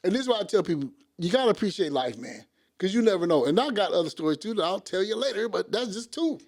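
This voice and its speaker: High-voiced man telling animated stories. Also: fast. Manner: animated, acts out quoted people. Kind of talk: casual storytelling chat.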